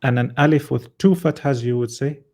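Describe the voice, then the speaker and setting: Man, Quran reading teacher, patient step-by-step explanations, gravelly, dark tone. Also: medium pitch, fairly quick. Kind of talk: one-on-one lesson.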